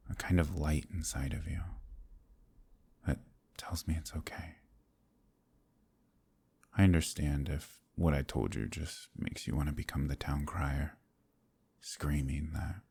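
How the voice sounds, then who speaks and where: In a romantic fantasy ASMR roleplay, a man voices a gentle, troubled werewolf in full character. His deep, husky voice is soft-spoken and hesitant, his phrasing formal and old-fashioned, and he sounds vulnerable.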